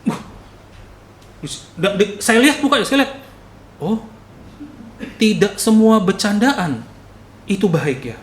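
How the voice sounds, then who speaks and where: Lively young Batak preacher, echoey hall. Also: male voice, sits high, slow, pauses often. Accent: Batak-tinged Indonesian. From Batak, North Sumatra. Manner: animated storytelling, acts out voices, loud at times. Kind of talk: casual sermon. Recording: echoey hall, faint noise.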